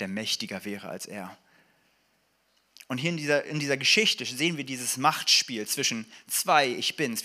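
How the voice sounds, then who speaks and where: A man preaching a sermon in a casual, animated way, with fillers and humor, reading scripture aloud. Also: mid-range voice. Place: church service hall.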